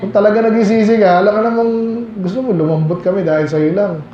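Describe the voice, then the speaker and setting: Male Filipino pastor, high-pitched voice, conversational sermon, reads old scripture, dull muffled sound. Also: steady tone, fast talker, mellow, echoey room, a little hiss or hum. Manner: conversational preaching with rhetorical questions, reads King James verses aloud. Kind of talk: Baptist sermon, Bible study. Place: church hall.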